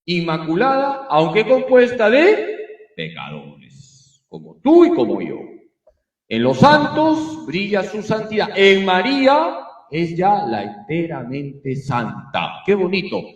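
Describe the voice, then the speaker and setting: A man's voice: high-pitched, wildly swooping pitch, takes it slowly, reverberant, highs cut off. A man, a priest, teaching a catechism class, emphatic and given to repeating key phrases. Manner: storytelling with acted quotes.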